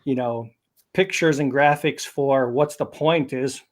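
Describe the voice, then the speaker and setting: A man's voice: mid-range voice, a little slow. A man hosting a live online interview, presenting in an upbeat, promotional way over a video call. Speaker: host.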